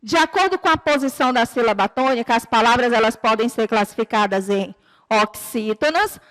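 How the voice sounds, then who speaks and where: A Brazilian woman teacher giving a recorded lesson to children, explaining patiently and clearly and drawing out her example words. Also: fairly high pitch, lively intonation, fairly quick, in a large hall. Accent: Brazilian Portuguese. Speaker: primary school teacher.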